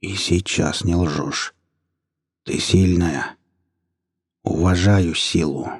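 A man voicing a wary leader of a dog pack who respects strength, speaking slowly and lowly in an audiobook. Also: slightly rough, big-room sound, exaggerated voice. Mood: measured.

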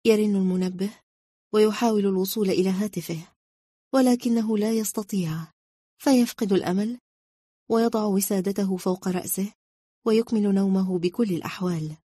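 Woman storyteller, calm measured reading, mellow tone, dry close sound. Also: mid-range voice, breathy edge, no echo. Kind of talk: story narration.

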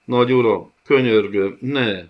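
A man's voice: on the low side, lively intonation, pitched above the performer's own voice. A man voicing a cowering, frightened male servant monk who speaks in a pleading, submissive way, in a dull lo-fi audiobook recording.

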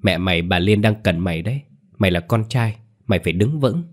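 A man's voice: low voice, lively intonation, fairly quick. A man reading a tearful young woman. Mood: consoling. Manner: choked, consoling.

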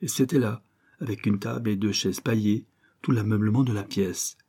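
Brief: male audiobook narrator, measured, dark and husky. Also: lowish voice, steady tone.

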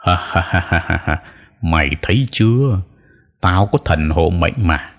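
A man's voice: low-pitched, animated, measured pace. A man voicing an evil old male sorcerer who cackles and screeches curses in an audio story. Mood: gloating.

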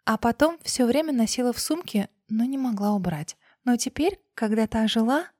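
A woman's voice: fairly high pitch, expressive, moderate pace, no echo, clean studio sound. A woman voicing a young woman who shifts from sweet, timid guest to vicious killer, sugary at times and snarling at others, read as an audiobook. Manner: sugary and bright, then snarling and shrieking.

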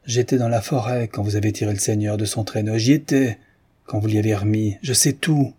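A man reading aloud voices a stern, pious old servant who forcefully accuses the coachman. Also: lowish voice, steady tone, fairly quick, breathy edge. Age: older.

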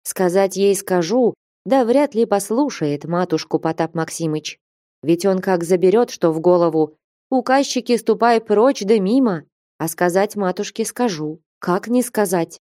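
A woman's voice: medium pitch, animated, a little slow, mellow, no echo, studio quality, close to an everyday voice. A woman reading an anxious old nun, pleading and lamenting. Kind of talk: audiobook character reading.

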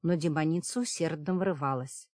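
A woman reading a fantasy audiobook as first-person narration, in a steady dramatic storytelling manner. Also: low voice, a little fast, dry recording, clean studio sound. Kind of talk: scripted narration.

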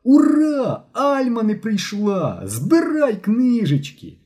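A hot-headed schoolboy shouts and rushes his words in a storybook reading, voiced by a man. The voice sits raised and jumps around, with a mellow tone underneath. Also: a little high, voice pushed up. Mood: agitated. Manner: excited, shouting. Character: boy schoolboy Genka, hot-headed and loud.

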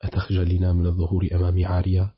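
A man with a very deep, husky voice reading the lines of a cold, sarcastic betrayed husband in a storybook. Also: racing, dry recording, lo-fi sound. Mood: cold mocking. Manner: icy, mocking, calm.

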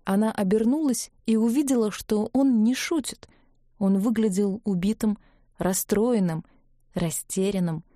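A woman narrates an audiobook in a calm, measured way. Her voice is warm and mellow, with an even middle pitch, recorded close and dry with no room sound. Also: dry recording.

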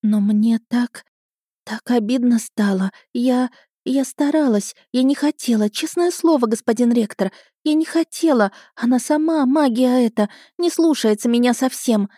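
A woman's voice: medium pitch, moderate pace, warm tone, dry recording, clean studio sound, lightly acted. A woman voicing an emotional young female magic student who pleads in a tearful, breathless way. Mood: tearful pleading.

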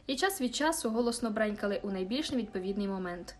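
A woman narrating a classic novel as an audiobook, reading in a calm storytelling manner. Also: medium pitch, quick pace. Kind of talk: scripted narration.

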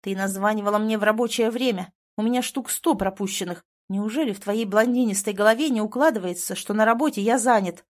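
A woman's voice: medium pitch, brisk, hardly any pauses, close to an everyday voice. A woman voicing a blunt, irritated young man in an audiobook, speaking in a curt, exasperated way. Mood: angry, curt. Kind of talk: audiobook character voice.

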